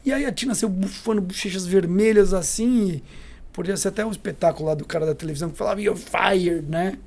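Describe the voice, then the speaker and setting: A middle-aged Brazilian man with a Brazilian Portuguese accent, a company CEO telling lively anecdotes as a podcast guest, acting out the dialogue. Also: high voice, fast talker. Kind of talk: storytelling in a podcast interview.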